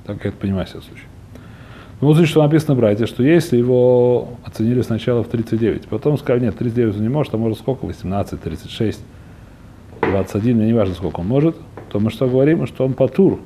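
A man's voice: medium pitch, animated, fast talker, mellow, a little hiss or hum. A man teaching an informal religious text lesson, often searching for words and rephrasing as he explains and translates. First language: not a fully fluent Russian speaker by own account.

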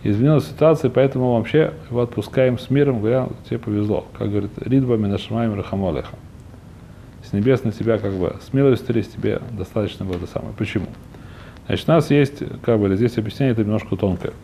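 Fast-talking male religion teacher, slightly muffled warmth. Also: fairly low pitch, vocal fry, slight background noise. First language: not a fully fluent Russian speaker by own account. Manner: searching for words, repeats and rephrases himself. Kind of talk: informal Talmud lesson, explaining and translating.

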